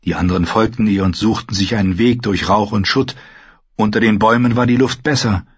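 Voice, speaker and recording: A man narrating a fantasy audiobook in an even, steady storytelling voice. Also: on the low side, brisk, husky, no echo. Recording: slightly muffled, dry recording.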